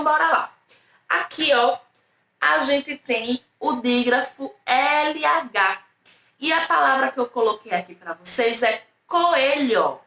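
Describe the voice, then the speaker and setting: A woman teacher giving a slow, patient online language lesson to young children, stressing each sound and asking them to repeat after her. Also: sits high, a bit bright, echoey room.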